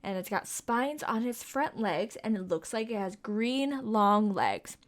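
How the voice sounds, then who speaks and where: This young woman's storytime reading is sing-song and a little slow, her voice mid-range. As she reads the picture book aloud to the children, she coaxes them with questions.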